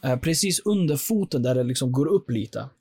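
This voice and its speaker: A man, a podcast guest, telling his personal life story in an earnest, animated way, with frequent fillers. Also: mid-range voice, breathy edge, no room sound.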